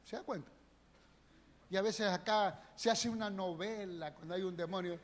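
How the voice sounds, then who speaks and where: Long reverb from the sanctuary fills this live-streamed sermon by a male pastor. His voice is high and moderately paced, and he preaches with emphasis, leaning on rhetorical questions.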